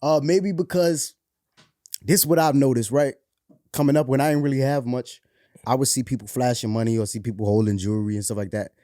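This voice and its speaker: A man's voice: medium pitch, fairly even intonation, fairly quick, mellow, no echo, clean studio sound. A nineteen-year-old man, a rapper guest talking casually in a laid-back way with street slang and repeated phrases. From New York. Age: young adult. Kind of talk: casual interview talk.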